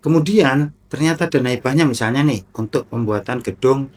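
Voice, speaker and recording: A man's voice: mid-range voice, normal speed, a little mellow. A man as podcast guest, explaining cases patiently, step by step with examples. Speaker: guest expert on internal oversight.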